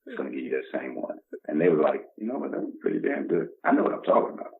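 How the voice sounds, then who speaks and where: Speaking rapid-fire in a low, creaky voice with huge pitch swings, a man in his 50s from the Bronx chats as a podcast guest. He's casual, motivational and emphatic, acting out imagined dialogue. It's a dull, muffled lo-fi recording.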